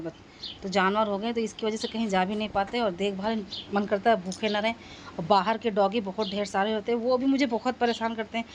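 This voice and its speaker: A middle-aged woman talking casually at home in a vlog about her pet dog, calling to him now and then in a high coaxing voice. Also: background noise. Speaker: vlogger.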